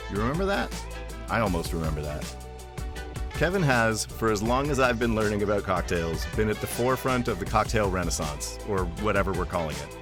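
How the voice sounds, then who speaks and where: A man in his forties hosting a podcast, telling a scripted story with dry, self-deprecating humor. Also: fairly low pitch. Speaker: podcast host. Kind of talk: scripted monologue intro.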